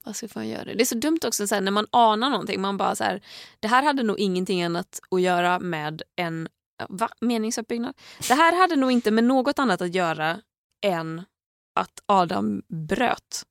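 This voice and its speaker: A woman telling an indignant story in casual chat, animated and swearing as she retells it. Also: mid-range voice, creaky, no room sound, clean studio sound.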